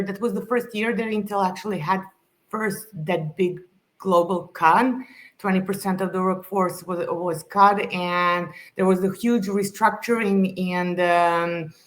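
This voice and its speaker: A woman's voice: medium pitch, fairly even intonation, unhurried. A woman from Serbia, speaking as a podcast guest in earnest, casual conversation, often restarting as she searches for words.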